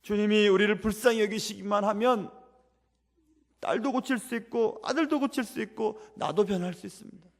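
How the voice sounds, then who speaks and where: A male pastor preaches in a high, gravelly voice, circling back to the same refrain with earnest insistence. His words ring out with a long reverb that trails through the church hall. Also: normal speed. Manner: earnest, repetitive preaching cadence. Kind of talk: sermon. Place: church sanctuary.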